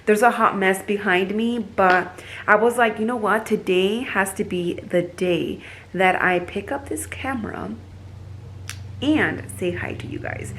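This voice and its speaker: An excited young woman talks straight to her phone camera at home. She is chatty and upbeat, tucking phrases into her English, and her voice sits at an ordinary middle pitch. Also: unhurried. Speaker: vlogger. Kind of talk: casual chat to camera.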